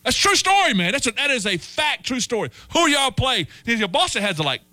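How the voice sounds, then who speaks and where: A man's voice: very high-pitched, quick pace, no echo. A man hosting a sports talk show, telling stories and acting out quoted voices. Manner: animated storyteller, acts out quoted voices. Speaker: sports radio host.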